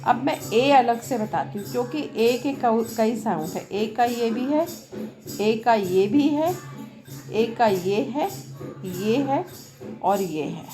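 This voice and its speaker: A woman English teacher with a somewhat high voice, speaking slowly and deliberately. She talks loudly over noise from a nearby event and keeps asking the class whether they have understood. Clear music from outside plays behind her voice throughout. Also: lively intonation. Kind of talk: classroom lesson at a board, Hindi mixed with English. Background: music from a nearby program.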